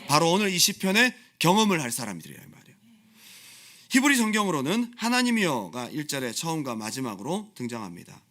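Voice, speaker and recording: A male pastor preaching a sermon in a church, impassioned and repeating phrases for emphasis, swinging between loud pleading and quiet explanation. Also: on the high side, big pitch swings, a little fast. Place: church sanctuary.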